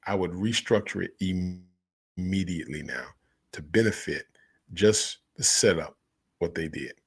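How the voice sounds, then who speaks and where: A man talking casually as a crypto host, in a hyped, slangy, emphatic crypto bro manner, with a husky, gravelly voice. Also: low voice, normal speed. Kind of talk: casual solo crypto commentary.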